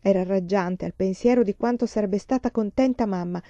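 Mellow woman reading a novel aloud. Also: mid-range voice, a little fast, no echo, dull audio. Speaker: reader. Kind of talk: audiobook reading.

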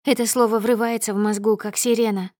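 A woman reading a first-person story aloud in a measured, dramatic storytelling manner. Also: on the high side, level tone, darkish tone, dry recording, studio quality. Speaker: audiobook narrator. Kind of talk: first-person audiobook narration.

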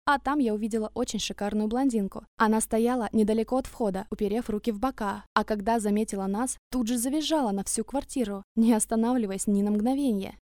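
A woman narrating a first-person story in an even, reflective way. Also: a little high, quick pace, few pauses, dry recording, clean studio sound.

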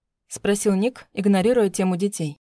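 A woman narrating a first-person audiobook in a calm, even storytelling voice. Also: mid-range voice, normal speed, no echo, studio quality.

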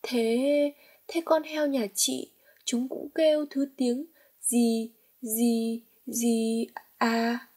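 A woman voicing a flustered, stammering middle-aged village man in a storybook reading, with a husky, breathy voice. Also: a little high, normal speed, darkish tone.

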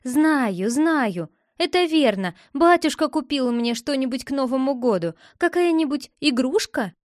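A woman's voice: high voice, expressive, unhurried, no echo, studio quality. A woman voicing a curious young boy who keeps begging his sister to show him a secret, wheedling and insistent. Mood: pleading.

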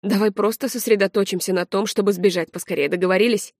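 A woman reading an audiobook, voicing a calm, protective young man in a steady, reassuring, slightly lower voice. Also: fast talker, no echo, clean studio sound, lightly acted. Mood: calm, firm.

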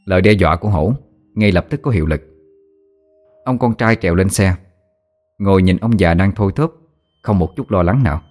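A man narrating a story in a steady, dramatic storytelling manner. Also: sits low, normal speed, long pauses, faint music behind.

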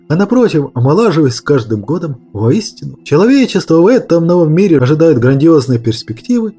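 A man reading an audiobook with dramatic, expressive narration. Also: a little high, husky. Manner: lively, dramatic storytelling. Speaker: audiobook reader.

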